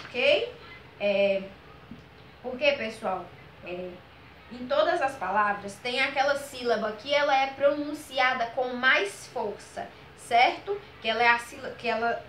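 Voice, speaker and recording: A woman teaches a grammar lesson, her voice bright and a little high. She draws out each example word slowly and keeps checking in with her students. The recording sounds echoey, with faint room noise behind her. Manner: patient, drawn-out model words, frequent "ok?" and "certo?" checks.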